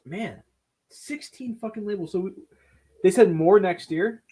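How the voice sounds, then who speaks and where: A podcast co-host chats casually about film releases, playful, joking and quick to laugh. His voice is high and warm with a slightly rough edge.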